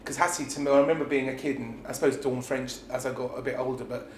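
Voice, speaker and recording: Fast and steady, with a darkish medium-pitched tone, the British pantomime dame performer muses informally in an interview and often leaves thoughts unfinished. Background noise and a roomy echo fill the recording.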